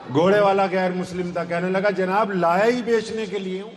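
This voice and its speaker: A man with a Punjabi accent preaches a sermon, telling a story with fervent, climbing emphasis. His voice sits very high. It rings with a long hall reverb over faint ambient noise. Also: fairly even intonation. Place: large shrine courtyard.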